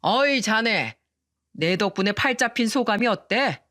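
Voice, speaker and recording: A woman's voice: on the high side, lively intonation, unhurried, dry recording, studio quality. Woman doing a drunk, bossy middle-aged man. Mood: drunken taunting. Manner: slurred drunken shouting, bossy and condescending. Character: drunk, bullying middle-aged man, arrogant brother-in-law. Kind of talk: storytelling radio narration.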